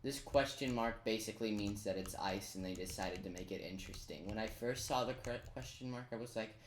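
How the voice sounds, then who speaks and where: A chatty commentator with a middle-pitched voice briskly talks through a video game guide, casual and self-deprecating, as if thinking aloud. The recording is made indoors at a computer in a roomy, echoey room, with faint noise and keyboard typing and clicks behind.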